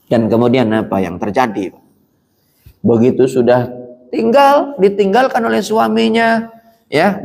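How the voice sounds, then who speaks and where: High, gravelly preacher man in an echoing hall. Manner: animated, keeps addressing the audience as "Pak". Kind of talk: Islamic sermon storytelling. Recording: echoey hall reverb.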